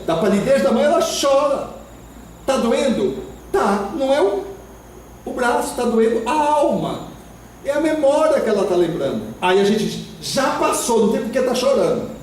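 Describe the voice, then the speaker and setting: Brief: Brazilian male lecturer, high-pitched, animated storytelling, recorded from afar in a reverberant hall with faint noise. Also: a little fast. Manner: expressive, acts out parents and children. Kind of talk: spiritist lecture. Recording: echoey hall from far off.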